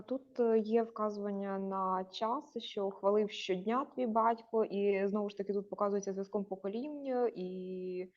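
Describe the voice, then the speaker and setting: Hesitant woman answering in class. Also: mid-range voice. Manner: hesitant, many pauses and fillers. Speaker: student. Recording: dull lo-fi sound.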